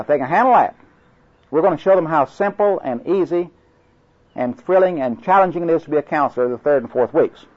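A slightly rough, rather high male voice belongs to an older Oklahoman with a local accent. He's an evangelistic crusade class instructor giving instructors a folksy, joke-packed training talk, drawling and rambling through stories with frequent restarts. The lo-fi recording sounds dull.

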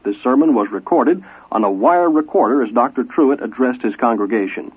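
A man's voice: medium pitch, a little fast, husky. A man formally reading a scripted introduction as an announcer, on an old recording. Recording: muffled, phone-like old recording.

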